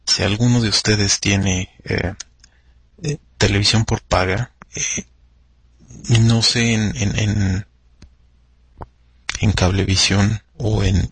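A man's voice: fairly low pitch, creaky, a bit bright, breathy edge, dry recording. A man with a Mexican accent hosting a radio show, chatting casually and rambling with many fillers and restarts. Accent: Mexican Spanish.

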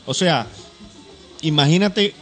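A male co-host on a church talk program, speaking a little above the usual male pitch. He chats in a loose, explanatory way and fills his pauses with small hesitations. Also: fairly bright tone, soft background music. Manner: chatty and explanatory, many fillers. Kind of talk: casual church talk-show chat.

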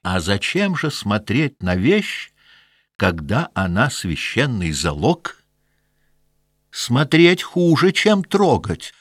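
A man's voice: mid-range voice, wildly swooping pitch, takes it slowly, fairly bright tone, no room sound, clean studio sound, voice pushed up, full character voice. A man doing a greedy old miser father. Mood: mocking. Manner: wheedling, then mocking, with a raised voice.

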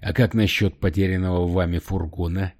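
Hysterical shouting fighter, dark voice, read by a male narrator; audiobook. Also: deep voice, steady tone, brisk. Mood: irritated. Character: irritable shouting male squad member. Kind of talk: audiobook character voice.

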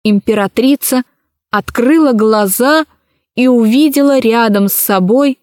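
A woman narrating a children's adventure story in an expressive, dramatic reading. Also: fairly high pitch, measured pace, dry recording, clean studio sound.

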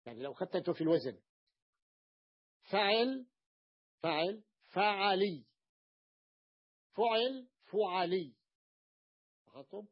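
A man's voice: high-pitched, lively intonation, measured pace, pauses often, breathy edge. A man teaching a grammar lesson, drilling word forms with patient repetition. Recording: dull lo-fi recording.

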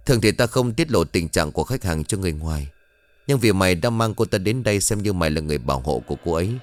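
A man's voice: low voice, animated, fast, no echo. A man voicing a cool-headed psychiatrist who explains things bluntly and offhandedly. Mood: clinical.

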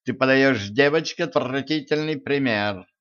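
A man's voice: mid-range voice, moderate pace, fairly bright tone, pitched above the performer's own voice, lightly acted. A man doing a reproachful storybook woman. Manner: reproving, teacherly. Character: calm woman, reproachful, moralizing. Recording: dull lo-fi recording.

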